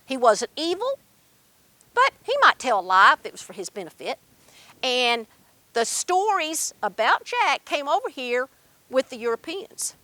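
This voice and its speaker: A woman's voice: high-pitched, very animated, unhurried, pushed and bright, no echo. An older woman with an Appalachian accent, telling stories and memories in a folksy, emphatic way with dialect grammar. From Appalachian Mountains, Kentucky, USA. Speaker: storyteller. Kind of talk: live oral storytelling and personal reminiscence.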